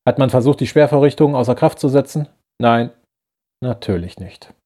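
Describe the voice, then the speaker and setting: A man voicing a hard, wary middle-aged soldier in armor, speaking gruffly and curtly in a science-fiction audiobook. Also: mid-range voice, brisk, dark tone, natural voice. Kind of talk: audiobook character voice.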